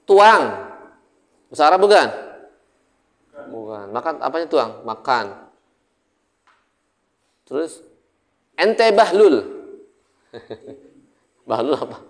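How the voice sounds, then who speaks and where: A man's voice: mid-range voice, fairly bright tone. A man with an Indonesian accent teaching Arabic grammar in a casual classroom lesson, joking and often asking his students questions.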